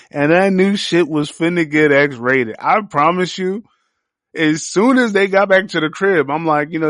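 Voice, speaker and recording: Young man, podcast host, crude comedic review, unhurried delivery, bright-ish voice, dry sound. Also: on the high side, dry recording. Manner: profane, joking, slangy, riffing.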